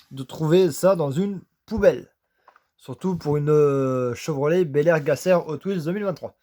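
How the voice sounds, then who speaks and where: A man chats about his model car collection in a casual, eager way. He hesitates often and stacks repeated intensifiers. His voice sits a little higher than most men's. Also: darkish tone. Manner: enthusiastic, repeats "très" over and over, halting with many "euh". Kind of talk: casual unboxing commentary.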